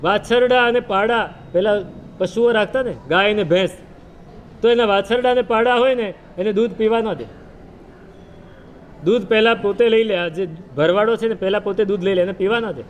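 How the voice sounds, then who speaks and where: A man's voice: high-pitched, moderate pace, a little hiss or hum. A man preaching a sermon, retelling a scripture story with rhetorical questions and chanted verses.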